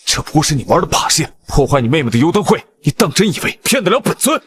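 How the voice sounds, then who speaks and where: Brief: a haughty middle-aged sect master, swinging wildly in pitch as he scolds. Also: big pitch swings, fast, breathy edge, full character voice. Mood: angry denial. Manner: commanding, angry outbursts. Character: proud, stubborn middle-aged male sect master, quick-tempered. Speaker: sect leader father. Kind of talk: dubbed costume drama acting.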